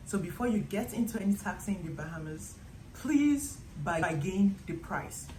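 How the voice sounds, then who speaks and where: A Nigerian woman with a medium-pitched voice delivers a chatty, casual vlog monologue to the camera, telling stories animatedly and acting out quotes. The room is echoey, with faint background noise.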